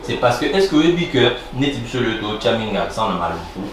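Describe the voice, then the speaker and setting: Man, mid pitch, halting casual talk, distant and echoey. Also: sing-song. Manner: halting, many fillers and restarts. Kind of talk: casual conversation. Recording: echoey room from far off with faint noise.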